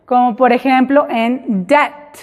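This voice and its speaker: A woman teaching a class, explaining slowly and repeating example words in English. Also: high-pitched. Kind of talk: classroom lesson. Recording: hall reverb.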